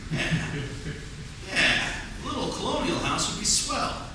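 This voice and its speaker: A man's voice: high-pitched, sing-song, unhurried. A man playing a wry, wistful city lawyer in a 1940s-style radio play on stage, self-deprecating in manner. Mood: easygoing. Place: community theatre performance. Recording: echoey theatre stage, distant mic, noisy.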